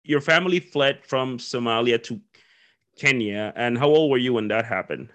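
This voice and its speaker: A man's voice: mid-range voice, moderate pace, a bit bright. A man hosting an interview, asking questions in a chatty, rambling way. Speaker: interview host. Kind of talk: casual interview chat.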